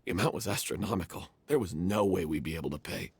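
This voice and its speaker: An actor playing a young male stage performer confessing a guilty secret, hesitant and then anguished, with a husky voice. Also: sits low, fast, no room sound, heavily acted. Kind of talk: game voice acting.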